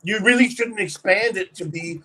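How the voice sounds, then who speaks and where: A man on an online voice chat panel, defending himself in halting sentences. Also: high voice, pushed and bright. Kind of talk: casual panel talk.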